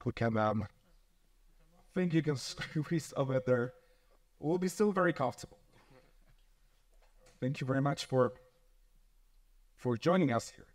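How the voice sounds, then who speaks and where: A man's voice: mid-range voice, animated, a little slow, long pauses. A man moderating a conference panel, introducing guests politely and hesitantly with many fillers. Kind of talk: formal event hosting.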